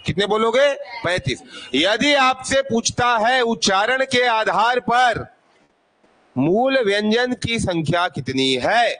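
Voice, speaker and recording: Male teacher, high voice, unhurried drilling, asks and answers himself. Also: fairly bright tone. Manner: repeats sounds slowly to demonstrate. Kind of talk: classroom grammar lesson.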